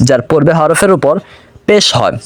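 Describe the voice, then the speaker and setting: A male teacher gives a patient online lesson, explaining each point step by step and repeating example words slowly. His voice sits a little high. The sound is dry and close, with no room echo. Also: animated.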